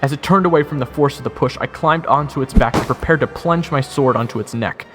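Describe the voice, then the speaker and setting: A male dramatic storyteller with a mid-range voice talks fast, acting as narrator and hero of an audio roleplay. His first-person scripted narration carries long reverb, with music playing beneath his voice.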